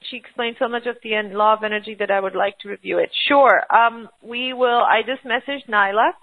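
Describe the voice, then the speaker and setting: A woman's voice: fairly high pitch, steady tone, a little fast. A woman hosting a telesummit call, reading listener questions and keeping time. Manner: upbeat, reads out listener questions. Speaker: host. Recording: tinny phone line.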